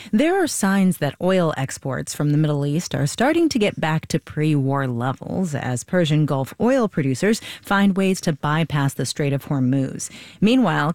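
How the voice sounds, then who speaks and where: A woman news anchor reading the headlines in a crisp, measured way. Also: deep voice, darkish tone, no echo, clean studio sound.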